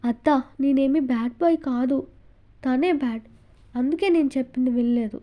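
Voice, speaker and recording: A woman's voice: high voice, moderate pace, warm tone, natural voice. A woman voicing an indignant, cheeky little boy with a childish manner.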